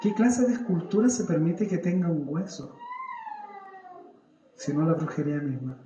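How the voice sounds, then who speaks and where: A man's voice: fairly high pitch, normal speed, lo-fi sound, noisy background. Pastor in his 30s preaching, acts out his own prayers, church echo all around. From Chile. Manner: animated storytelling, acts out his own prayers and questions the congregation. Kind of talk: church sermon. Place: church service. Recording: echoey church hall.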